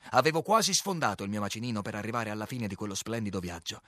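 Low-voiced man reading a story. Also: lively intonation, sharp tone, no echo, clean studio sound. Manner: measured, clear literary reading, acting out quoted lines. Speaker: narrator. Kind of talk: audiobook narration.

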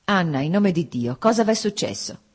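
A troubled, stern young officer, read by a woman, asking tense, reproachful questions in a low, husky voice. He sounds close to the reader's own tone, in an audiobook reading. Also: big pitch swings, moderate pace.

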